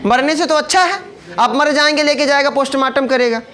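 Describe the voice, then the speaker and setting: A teacher with a very high, sharp-toned voice speaks fairly quickly in a casual classroom lecture. He keeps his listeners engaged with rhetorical questions and slips in jokes, staying chatty and down to earth.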